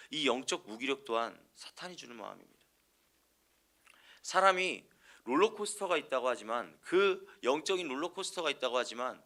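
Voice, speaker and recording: A man's voice: medium pitch, sharp tone. A male evangelist preaching an earnest sermon, posing rhetorical questions to the congregation and answering them himself.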